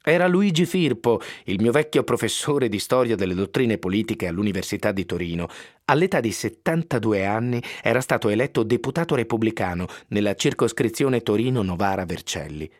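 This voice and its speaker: A man reading a book aloud on the radio in an expressive, wry storytelling manner, close to a studio microphone. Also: fairly low pitch, brisk, dry recording. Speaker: radio reader.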